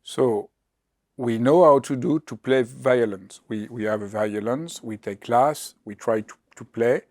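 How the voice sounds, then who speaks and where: A man's voice: medium pitch, a little mellow, dry recording. Hesitant man, dry sound. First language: French. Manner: hesitant, halting, with restarts. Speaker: host. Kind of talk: conversational interview questions.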